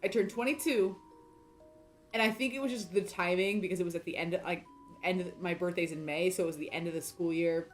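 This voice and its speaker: A woman in her thirties with a somewhat low voice chatting through a game playthrough. She rambles and pokes fun at herself, trailing off and restarting often. Soft music plays faintly behind her. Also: a little fast. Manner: rambling and self-deprecating, many fillers and restarts. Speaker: game streamer. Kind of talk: casual chat during a game playthrough.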